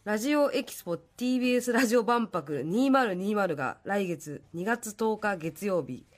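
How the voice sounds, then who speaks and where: A woman with a hoarse voice, politely explaining an event on the radio as a producer and guest. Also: medium pitch, animated, moderate pace. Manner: apologetic, polite. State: hoarse from drinking.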